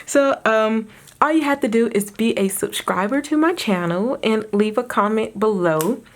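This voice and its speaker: A woman's voice: fairly high pitch, lively intonation, moderate pace. A woman with a Southern US accent, a craft vlogger chatting casually to her viewers, rambling and giggling with lots of fillers. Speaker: craft YouTuber.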